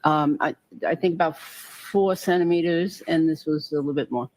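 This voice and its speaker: Careful lower-voiced woman testifying in a courtroom. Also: darkish tone, slight background noise. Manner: careful, qualifying, halting with repeated word starts. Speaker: medical expert witness, doctor.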